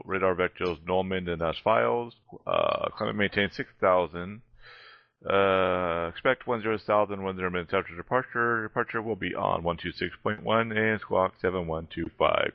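A man's voice: low voice, normal speed, vocal fry, no room sound. A man speaking as a pilot, making aviation radio calls and reading instructions back. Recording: muffled, dull radio audio.

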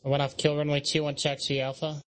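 A man's voice: a little high, completely flat delivery, fast, fairly bright tone. A man working as an air traffic controller, giving procedural radio instructions.

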